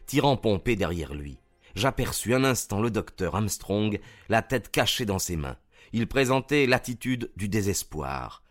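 Male narrator, low voice, steady scripted reading over a soft music bed. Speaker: storyteller.

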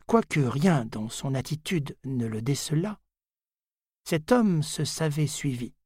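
A man reads a novel aloud at an unhurried, measured pace. His voice has a faint husky grain, and the recording is dry and close with no room sound. The delivery stays deliberate and even as he tells the story. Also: fairly high pitch, no room sound. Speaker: audiobook narrator. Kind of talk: scripted narration of a novel.

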